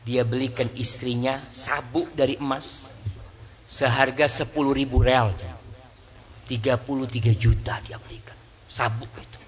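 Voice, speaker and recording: A man giving a conversational sermon as a preacher, his voice jumping high for emphasis. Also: fairly even intonation, unhurried. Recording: slightly dull lo-fi sound.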